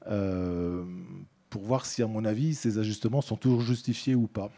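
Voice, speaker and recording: Middle-aged male speaker, warm low-key tone, conference talk full of hesitations. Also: moderate pace. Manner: hesitant, many fillers and restarts, addresses audience and colleagues. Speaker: director of an addiction care organisation, conference speaker.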